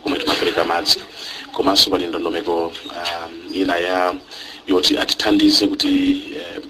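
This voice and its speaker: A man with a Malawian accent answers as an interviewed official. His low voice stays fairly even, and he hesitates often with filled pauses. A clear murmur of people sits behind him. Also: low-quality recording.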